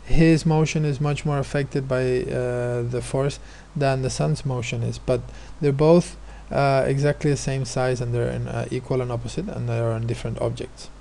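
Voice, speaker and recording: A man's voice: medium pitch, level tone, moderate pace, creaky, few pauses, dark tone, a little hiss or hum. A male teacher explaining physics exam questions, hesitant, with many fillers and restarts. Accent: non-American, his remark says so.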